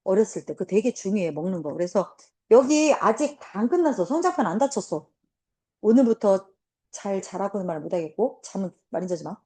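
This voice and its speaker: A woman teacher in her forties telling a class a blunt, animated story, swearing now and then. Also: medium pitch, brisk. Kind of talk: casual classroom talk.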